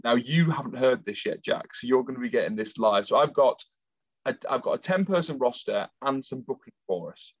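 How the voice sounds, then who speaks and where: A man's voice: medium pitch, animated, fairly quick. A man co-hosting a casual podcast, telling stories in a chatty way. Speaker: podcast co-host.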